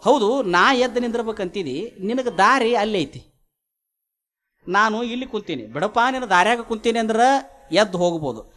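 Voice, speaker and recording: A man with a North Karnataka Kannada accent voicing a calm wandering holy man in a sermon story, plain-spoken and measured. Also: sits high.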